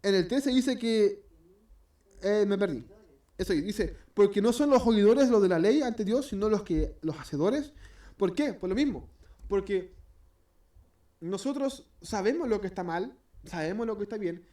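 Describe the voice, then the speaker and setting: A man's voice: high voice, lively intonation, normal speed, warm tone. A man with a Chilean accent teaching an informal Bible study, chatty and self-correcting, acting out everyday scenes as examples. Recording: voice distant from the mic.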